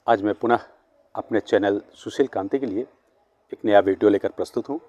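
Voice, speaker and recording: Guy teaching words off a board, says each one slow a few times, pretty dry sound. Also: lowish voice, mellow, no room sound, lo-fi sound. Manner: slow, repeated pronunciation of words. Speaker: language teacher. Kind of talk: bilingual vocabulary lesson at a board.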